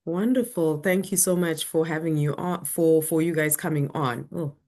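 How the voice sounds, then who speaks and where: A woman hosting and moderating an online webinar, speaking in a friendly, measured way with some fillers. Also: sits low, darkish tone. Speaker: webinar host.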